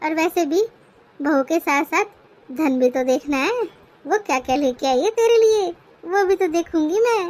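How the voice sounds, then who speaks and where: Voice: very high-pitched, lively intonation, moderate pace, a little mellow. A voice actor playing a nosy, gossipy middle-aged female friend in a cartoon, chatting eagerly on the phone.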